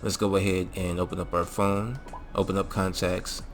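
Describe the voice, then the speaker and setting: With music in the background, a man whose voice sits low delivers a flat, normal-speed narration. He hosts a gaming channel and guides viewers through a game mod in an easygoing, slangy way.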